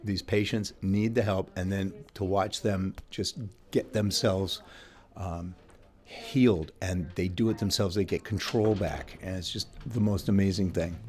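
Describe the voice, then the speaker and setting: An exuberant man, a nurse practitioner, talks in an interview with a low voice. His words tumble out eagerly, full of enthusiasm for his work. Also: fairly even intonation, unhurried, darkish tone.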